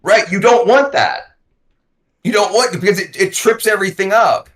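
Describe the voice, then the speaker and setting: A YouTuber in his forties, appearing as a guest in a casual conversation, has a voice that sits high with a fairly bright tone and a moderate pace. He rambles and repeats words while he thinks.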